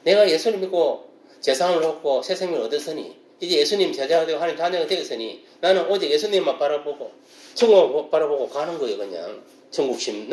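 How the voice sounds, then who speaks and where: A man delivers a sermon with an animated, swinging delivery, pressing his points with repeated rhetorical questions. His voice sits a little high for a man, and it rings around a reverberant room. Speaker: pastor. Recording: echoey room.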